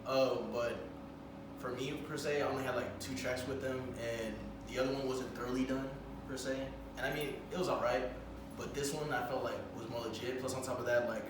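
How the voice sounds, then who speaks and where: A man's voice: medium pitch, steady tone, fairly quick. Hesitant young man rapper, echoey and distant. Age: 20s. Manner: hesitant, repeats phrases like "when it comes down to it". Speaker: guest rapper and producer. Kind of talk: casual interview. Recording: roomy echo, far from the mic, background noise.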